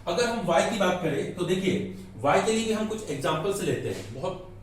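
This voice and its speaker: High-voiced male teacher in an echoey room. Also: big pitch swings, fairly quick, slight background noise. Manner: explanatory, asks questions and answers them. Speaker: English grammar teacher. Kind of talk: classroom lecture explaining in Hindi. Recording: echoey room, mic at a distance.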